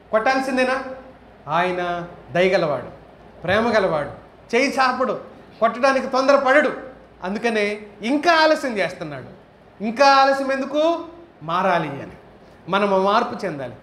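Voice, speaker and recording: High-voiced guy preaching, lots of rhetorical questions, roomy echo, faint hum behind. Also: a bit bright. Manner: rhetorical questions, rising to emphatic high bursts. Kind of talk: sermon. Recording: echoey hall with faint ambient noise.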